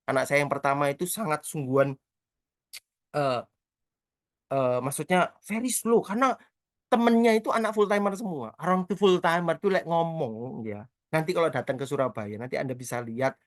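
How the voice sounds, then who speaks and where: A man's voice: fairly high pitch, dry recording, clean studio sound. A middle-aged man, a church prayer trainer teaching the Bible in a casual, talkative and joking way. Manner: talkative, quick and animated, with self-mocking humor.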